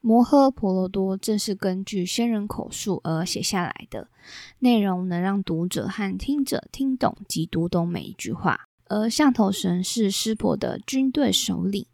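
A woman hosting a podcast, steadily retelling old myths in a measured storytelling way. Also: medium pitch, expressive, gravelly, a little mellow, dry recording, studio quality. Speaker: podcast host.

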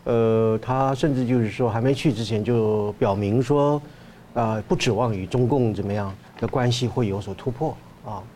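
A man, a research fellow guest on a talk show, who speaks in a measured way with frequent hesitation fillers. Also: medium pitch, warm tone, slight background noise.

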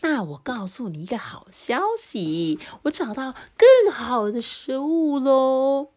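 A bossy wolf leader booms his boasts and threats in a children's story, as a woman puts him on. The voice sits high and carries a menacing edge. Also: sing-song, slow pace, a little mellow, exaggerated voice. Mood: gruff boasting.

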